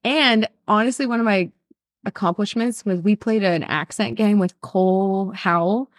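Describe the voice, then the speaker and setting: A woman's voice: mid-range voice, moderate pace, no echo. Woman, podcast guest, casual storyteller, frequent laughter, dry close mic. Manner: giggly storyteller, laughs often. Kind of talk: casual chat.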